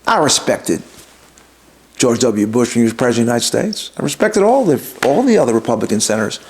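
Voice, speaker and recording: A man's voice: mid-range voice, lively intonation, fast. A man hosting his show, giving an emphatic opinion monologue, repeating himself for stress and firing rhetorical questions at his listeners. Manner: talks straight to the audience with rhetorical questions. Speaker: podcast host.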